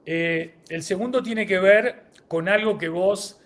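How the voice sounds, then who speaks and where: A man's voice: sits high, slow, fairly bright tone. A man co-hosting a live-streamed podcast, greeting viewers and running a word-association game. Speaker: podcast co-host.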